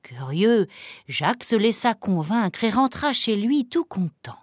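A woman reading a fairy tale aloud with an expressive storytelling manner. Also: medium pitch, a little slow.

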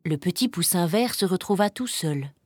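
Expressive woman reading a children's story. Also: on the low side, moderate pace, over loud music. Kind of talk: reading a children's picture book aloud.

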